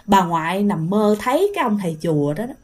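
A woman's voice: mid-range voice, sing-song, fast, darkish tone. A woman with a Southern Vietnamese accent telling a ghost story in a chatty, casual way, often speaking to her listeners directly.

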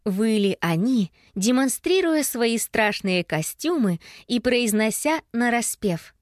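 A woman narrating a children's storybook aloud in an expressive, lively storytelling manner. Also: a little high, takes it slowly, dry recording, clean studio sound. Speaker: audiobook narrator.

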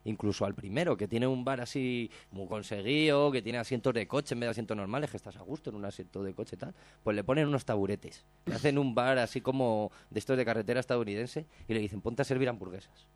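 A man hosting a casual radio chat show, retelling a story with lots of swearing and loud acted-out quotes. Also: medium pitch, fast talker. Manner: animated storyteller, swears freely, acts out quotes loudly. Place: radio studio.

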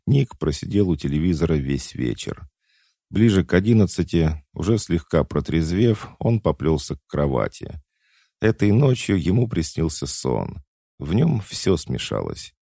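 Very deep gravelly male narrator. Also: mellow, dry recording, clean studio sound. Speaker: audiobook narrator. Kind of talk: scripted narration.

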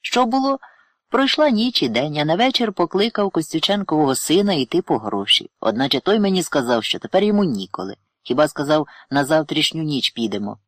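Guy reading as a proud earnest village boy, bit higher than his own voice, dry close sound. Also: very animated, brisk, no room sound. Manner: solemn, insistent testimony.

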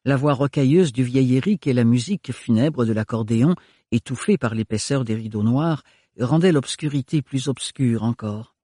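A man reads a novel aloud as an audiobook, measured and steady in his delivery. His voice is husky and sits at a middle pitch, and the close recording is dry with no room sound. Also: dry recording. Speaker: audiobook narrator. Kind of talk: audiobook narration.

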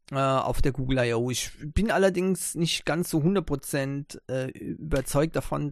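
A man's voice: mid-range voice, creaky, no room sound, studio quality. A man hosting a casual tech news podcast, talking with many hesitant fillers. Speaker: podcast host.

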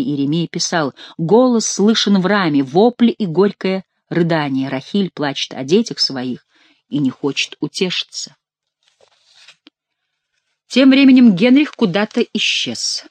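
Expressive audiobook narrator, dry sound. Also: medium pitch, no room sound. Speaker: audiobook reader. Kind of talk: scripted narration.

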